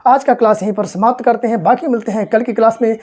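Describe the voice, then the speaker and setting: A woman with a fairly high voice teaches an online grammar lesson. She asks the class questions, answers them herself, repeats the main points and says letters slowly and carefully. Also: steady tone, darkish tone. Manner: slow, careful sounding-out of letters.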